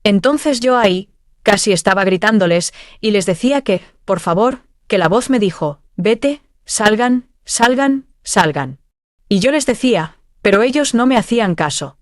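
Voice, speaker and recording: A woman's voice: medium pitch, expressive, moderate pace, dry recording, clean studio sound. A woman telling of a dream vision at church, earnest and heartfelt. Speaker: church member giving testimony.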